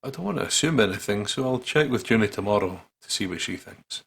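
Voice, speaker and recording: Fast-talking and lively, this co-host of a gaming channel has a fairly low, creaky, husky voice with a bit of brightness. He jokes and swears his way through a let's-play, reading text aloud and spinning off into silly riffs while game music plays behind him.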